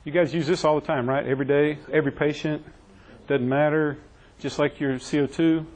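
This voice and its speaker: A man's voice: on the high side, steady tone, a little fast, a little mellow, poor audio. A man teaching a classroom EMS training session, quizzing his trainees and joking with them. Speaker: EMS instructor.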